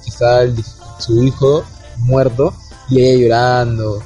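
Mellow-voiced young Peruvian man. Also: medium pitch, a little slow, soft background music. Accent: Peruvian Spanish. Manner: relaxed and slangy, chiming in. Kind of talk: casual chat.

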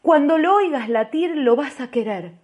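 A woman's voice: high voice, lively intonation, moderate pace, darkish tone, voice pushed up. A woman doing a pious, insistent Argentine woman. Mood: pleading, urgent. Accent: Argentine Spanish. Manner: pleading, raised, urgent. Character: pious middle-aged woman, insistent, scolding.

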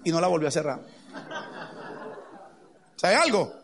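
Animated high-voiced man preaching. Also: a little slow. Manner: animated storytelling with acted-out quotes. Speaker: pastor. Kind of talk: sermon.

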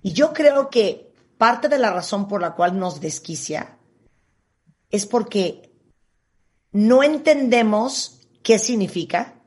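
Husky woman interviewer. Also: mid-range voice, expressive, slow, a little mellow. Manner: conversational, poses questions to the guest. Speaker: interviewer host. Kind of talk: conversational interview.

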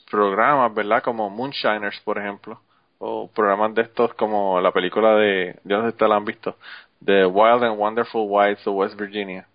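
A man's voice: lowish voice, dry recording, dull audio. A man co-hosting a podcast in casual chat, telling stories with frequent swearing and laughter. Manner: profane, storytelling, laughs often.

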